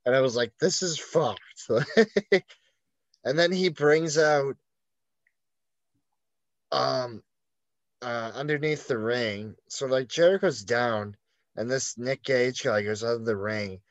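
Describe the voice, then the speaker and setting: A man's voice: medium pitch, takes it slowly, long pauses, no echo, dull audio. A man telling a story in loose podcast chat, his mid-range voice sitting close and dry on the mic. He leans hard on "like" fillers and drops curses freely as he goes. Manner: rambling storyteller, heavy "like" fillers and swearing. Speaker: podcast co-host.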